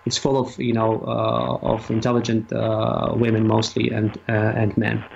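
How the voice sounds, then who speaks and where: A man giving opinions as a radio interview guest, speaking haltingly and emphatically and repeating his phrases. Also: on the low side, monotone, gravelly, a little mellow. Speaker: talk show guest and activist. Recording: muffled lo-fi audio, faint noise.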